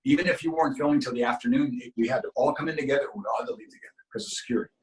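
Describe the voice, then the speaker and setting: Racing along in a mid-range voice with fairly even intonation, this Cuban-born man, whose first language is Spanish, earnestly recounts stories as an actor guest on a casual interview. He's middle-aged, speaks in long stretches full of restarts, and the audio is poor.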